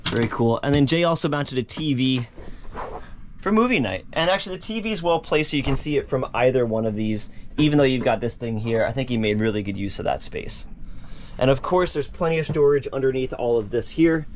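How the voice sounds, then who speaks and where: A man of middle pitch walks viewers through the cabin of a sailboat. He is chatty and upbeat, speaking right to the audience, with a faint hiss of background noise behind him. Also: expressive, a little fast. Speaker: vlog host giving a boat tour. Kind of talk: casual guided tour.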